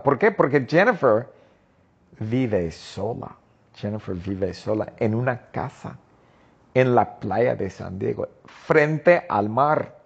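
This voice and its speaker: A man's voice: medium pitch, creaky, breathy edge, full character voice. A man playing a grumbling police sergeant who complains about his wife, in an exaggerated sing-song way. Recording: dull lo-fi recording.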